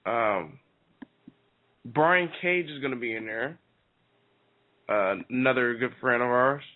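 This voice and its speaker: A man's voice: medium pitch, takes it slowly. Brash male wrestling radio co-host, teasing banter, tinny phone-like sound. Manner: brash, teasing, swears freely. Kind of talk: casual wrestling talk radio. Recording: phone-like lo-fi audio.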